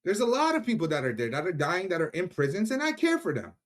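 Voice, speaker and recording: A man's voice: sits high, huge pitch swings, quick pace. A man from Iran ranting angrily to his viewers on a live stream, swearing often and talking straight to them. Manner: angry, profane, addresses viewers directly. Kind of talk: heated live-stream rant.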